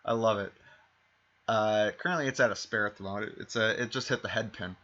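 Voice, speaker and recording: Narrating as game master for a streamed tabletop game, a man speaks fairly quickly in a lowish, bright, forceful voice. His delivery rambles with fillers, restarts, and corrections, and the stream mic is dull and lo-fi.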